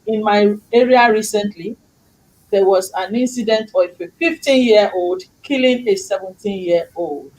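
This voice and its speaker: A middle-aged talk show host, a woman who speaks English as a second language, chats casually in an effusive, preachy style steeped in faith. Her mid-range voice is a little mellow with a breathy edge, and the audio is poor.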